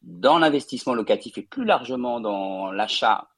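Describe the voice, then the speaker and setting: A Parisian cofounder of a real estate company recounts his career as an interview guest, speaking fluently but with frequent hesitation fillers. His medium-pitched, slightly bright voice is lively in intonation at a moderate pace.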